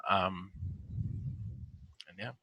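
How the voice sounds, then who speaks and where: A man giving laid-back color commentary on a fan stream, sounding tired and filling pauses with ums. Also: low-pitched, steady tone, bright, forceful tone, no echo, poor audio. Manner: laid-back, sleepy, filler-heavy analysis.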